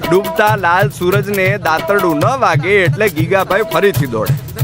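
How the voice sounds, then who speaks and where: A man narrating an audiobook in an expressive, dramatic storytelling manner. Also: high-pitched, moderate pace, loud music behind the voice.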